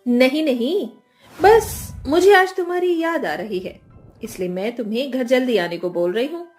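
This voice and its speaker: A woman's voice: high voice, lively intonation, moderate pace, soft background music. A woman voicing a playful young wife. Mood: affectionate.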